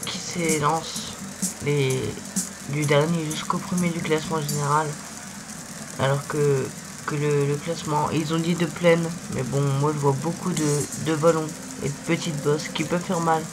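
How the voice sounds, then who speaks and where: A young man commentating casually on a cycling video game, halting and repeating himself, his voice weakened by swollen tonsils. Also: on the high side, fairly even intonation, background noise. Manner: halting, repeats words while searching. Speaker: gaming video host. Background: loud music.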